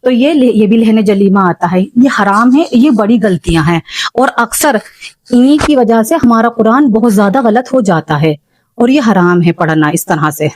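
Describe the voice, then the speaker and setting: A woman. She explains patiently and repeats the example sounds slowly, recorded close and dry with no room sound. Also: a little high, lively intonation, darkish tone, no echo. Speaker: Quran recitation teacher. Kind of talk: spoken religious lesson for beginners.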